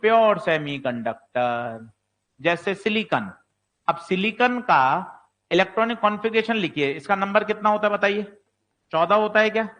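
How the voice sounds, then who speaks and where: In an exam-prep physics lecture, a man fires questions at his students and answers them himself, sometimes playing a student voicing doubts. His voice sits high and is fairly bright, animated, at a moderate pace, with the highs cut off.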